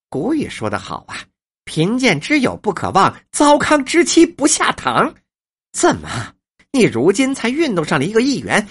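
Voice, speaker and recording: A woman voicing a fierce, sharp-tongued older wife in a storybook reading, lecturing with scorn. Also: mid-range voice, husky.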